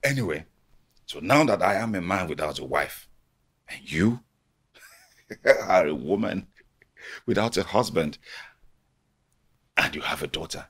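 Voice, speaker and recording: An actor playing a scheming, smooth-talking man with a Nigerian English accent, chuckling and coaxing with an oily charm. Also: low voice, animated, unhurried, pauses often, fairly bright tone, exaggerated voice. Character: scheming smooth-talking middle-aged man, wealth-hungry. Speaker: family friend, widower-seeking suitor. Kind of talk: film drama dialogue.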